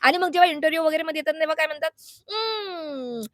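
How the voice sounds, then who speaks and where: A woman's voice: sits high, flat delivery, very fast, fairly bright tone, no echo, studio quality. A young woman vlogger giving her sarcastic, indignant take on a reality show, scolding and mixing in English and Hindi words. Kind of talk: opinionated reaction vlog.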